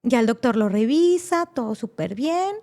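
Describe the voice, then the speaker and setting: A woman with a fairly high voice, a podcast guest telling an emotional personal story. She acts out the people she quotes and leans on frequent "este" fillers as she goes. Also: lively intonation, moderate pace, warm tone.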